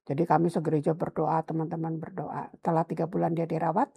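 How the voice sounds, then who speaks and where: A woman's voice: deep voice, fast, gravelly, husky. A woman pastor, telling her life story in an interview and acting out the words of people in it. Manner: animated storytelling, acts out her mother's and her own past words.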